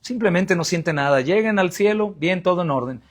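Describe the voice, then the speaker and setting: A man with a Mexican Spanish accent preaches a sermon in a rather high voice. He poses rhetorical questions and answers them himself, and keeps addressing his listeners as brothers. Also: animated, normal speed. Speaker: pastor.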